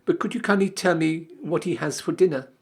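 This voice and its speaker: A man's voice: fairly high pitch, fairly quick, a little mellow, pitched above the performer's own voice, close to an everyday voice. A man voicing a curious, very polite young elephant child in a storybook reading. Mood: politely curious. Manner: very polite, earnest. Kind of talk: storybook character voice.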